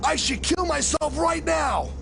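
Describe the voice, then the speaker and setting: A man's voice: very high voice, measured pace, gravelly, over music, exaggerated voice. A man playing a bitter washed-up clown. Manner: crude, grumbling, cursing. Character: bitter washed-up foul-mouthed male clown. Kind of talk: comedy sketch acting. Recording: noisy recording.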